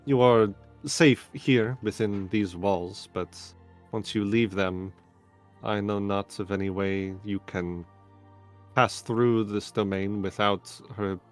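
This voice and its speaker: A man plays a courteous wizard with a low voice, choosing his words formally and with a little hesitation. Faint music plays underneath the tabletop game. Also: fairly even intonation, takes it slowly. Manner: formal, old-fashioned phrasing. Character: courteous, formal male wizard, middle-aged.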